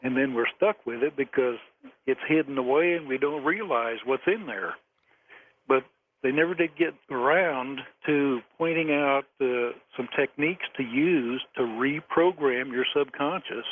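A man's voice: medium pitch, slight background noise. Older male radio caller, tinny phone line. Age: 70s. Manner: halting, chuckles often between phrases. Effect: caller heard over a phone line. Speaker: caller to a late-night radio show.

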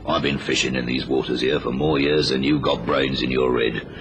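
A man's voice: very deep voice, fairly even intonation, moderate pace, a crowd in the background. An actor playing a proud, blunt old village fisherman in a folksy manner, in an old radio drama on a very noisy recording. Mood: grave warning.

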